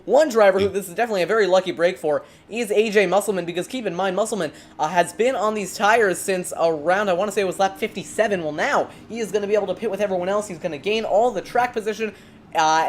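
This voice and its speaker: A man's voice: high voice, fast, a little hiss or hum. A man commentating a sim race, rambling into jokes between race updates.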